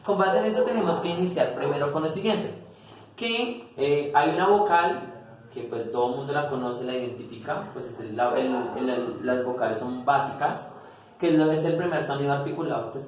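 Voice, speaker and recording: A man giving a grammar lesson, explaining step by step, often checking in with listeners and correcting himself. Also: a little high. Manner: explanatory, repeats "¿listo?" and "pues", self-corrects. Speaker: teacher. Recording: very echoey room, voice a bit far from mic, faint noise.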